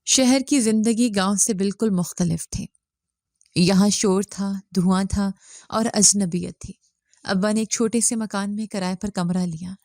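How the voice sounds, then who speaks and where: A woman narrating a dramatic moral story in a steady, scripted way. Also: medium pitch, no room sound, clean studio sound.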